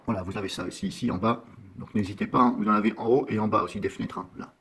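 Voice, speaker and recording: Husky rambling man explaining software. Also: lowish voice, fairly even intonation, rapid-fire. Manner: rambling, corrects himself often, many fillers. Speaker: software tutorial maker. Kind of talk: casual screen-recorded software tutorial.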